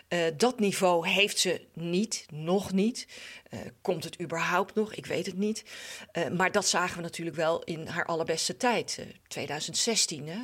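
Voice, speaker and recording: A woman who is a former professional tennis player, giving frank, opinionated match analysis with frequent hesitation fillers. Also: lowish voice. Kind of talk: studio sports analysis.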